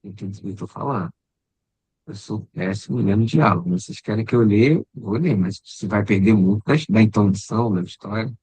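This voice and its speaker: A man's voice: fairly low pitch, brisk, breathy edge, no echo. A man leading a casual spiritual study discussion, talking conversationally and often checking in with his listeners. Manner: conversational, repeats "né?" and "entendeu?", trails off quietly. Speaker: study group leader.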